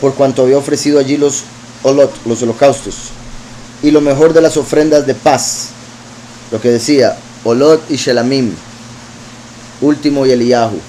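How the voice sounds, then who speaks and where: A man's voice: medium pitch, fairly even intonation, moderate pace, long pauses, warm tone, slight background noise, low-quality recording. A man preaching, reading verses aloud and explaining them with frequent asides. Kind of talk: scripture teaching.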